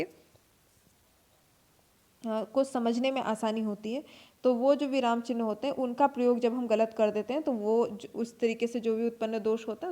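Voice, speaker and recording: Woman teacher, slightly high voice, patient step-by-step lecturing style. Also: darkish tone. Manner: explains step by step, repeats terms, frequent "ठीक है" and fillers. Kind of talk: classroom lecture.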